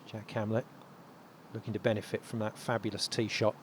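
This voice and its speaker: Male golf commentator over steady background noise. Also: fairly low pitch. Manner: measured build-up with dramatic short phrases. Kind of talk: golf tournament television commentary, dramatic narration of play.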